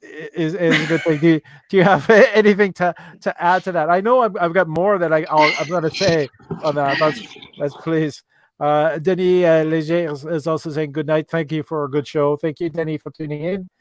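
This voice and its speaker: Hosting a live call-in chat show as a livestream host, a man with an Irish accent reads out viewer questions, full of ums and restarts. His voice is on the high side and steady, at normal speed with no echo.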